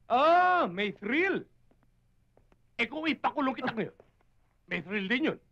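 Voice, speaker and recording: A stern tough cop. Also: male voice, extremely high pitch, big pitch swings, slow pace, lo-fi sound, heavily acted. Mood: scornful. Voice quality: forceful, commanding shouts. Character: stern tough male cop, older brother figure. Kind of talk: 1980s Filipino action film acting. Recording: film soundtrack with music under the dialogue.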